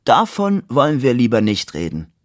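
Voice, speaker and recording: A man reading aloud as a brisk young man who gives curt commands. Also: medium pitch, wildly swooping pitch, dry recording, clean studio sound, pitched above the performer's own voice. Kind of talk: literary reading.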